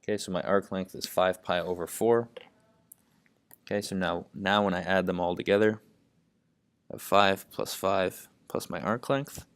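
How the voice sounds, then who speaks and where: A man with a low, deep voice tutors math, working problems out loud step by step. He leans on "okay" as a constant verbal tic. The sound is close and dry, with no room around it. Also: fairly even intonation, moderate pace, smooth, dry recording. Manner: says "okay" constantly, thinks aloud step by step. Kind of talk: lesson narration while writing.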